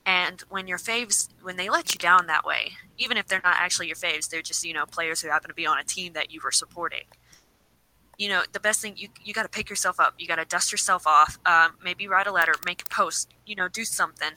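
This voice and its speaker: Bright earnest woman, shaky cold voice. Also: fairly low pitch, brisk, slight background noise, low-quality recording. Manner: earnest, pleading. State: shivering, slightly shaky voice. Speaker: podcast co-host. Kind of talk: casual chat. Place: cold room.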